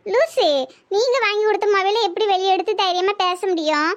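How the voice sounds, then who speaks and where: For a cartoon comedy, a woman voices a chatty young village woman in love, speaking in a Tirunelveli Tamil accent. Her voice is extremely high and brisk, and her manner is teasing and chatty.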